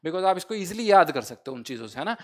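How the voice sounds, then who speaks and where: A man's voice: high-pitched, big pitch swings, fast talker. A man teaching English vocabulary for an exam-prep class, asking questions and answering them himself, spelling words out letter by letter. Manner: mixes English phrases into his teaching. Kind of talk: online exam-prep lesson.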